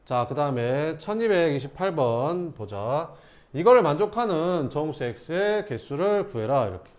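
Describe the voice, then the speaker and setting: A man's voice: on the high side, lively intonation, measured pace. A man teaching math to students, asking rhetorical questions and answering them himself. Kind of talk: lecturing students through problems.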